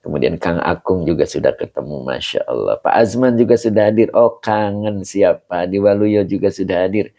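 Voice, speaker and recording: A man's voice: deep voice, normal speed, few pauses, mellow, highs cut off. A man with an Indonesian accent, a religious teacher casually greeting viewers of his live stream and reading their comments aloud with frequent chuckles.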